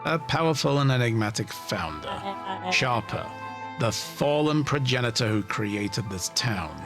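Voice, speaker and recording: Man voicing a slow, theatrical, menacing child villain. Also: mid-range voice, animated, over music, natural voice. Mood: smug, grandiose. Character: smug scheming villain in a child's body. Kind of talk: villain monologue, dramatic reading.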